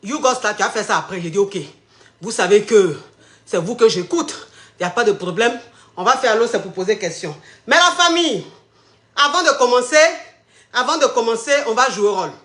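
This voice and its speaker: A woman hosts a call-in live stream full of animated chat, delivering theatrical, sing-song hype announcements. Her fairly high, expressive voice is brisk and a bit bright, picked up by a phone or webcam in a room with noticeable echo.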